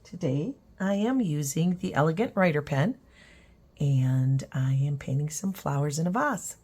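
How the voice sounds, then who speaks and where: An older woman with a hoarse, raspy voice, casually chatting as she demonstrates a painting lesson. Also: low voice, lively intonation, a little slow, mellow. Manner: chatty, rambling, with fillers. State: hoarse, lost voice. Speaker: art teacher and channel host.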